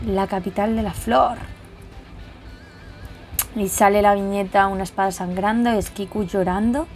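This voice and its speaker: A young woman, reading a manga chapter aloud and reacting with excited exclamations. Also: medium pitch, soft background music. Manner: excitable, exclamatory, quick to gasp and laugh.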